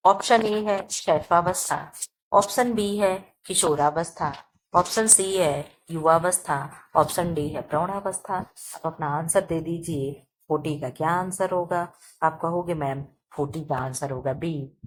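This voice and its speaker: A woman's voice: on the low side, slight background noise. A woman teacher reading multiple-choice exam questions aloud and answering them, checking in often with her students. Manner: reads options slowly, repeats "ठीक है" often. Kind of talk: exam-prep lesson reading quiz questions. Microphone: phone recording, voice-over of book photos.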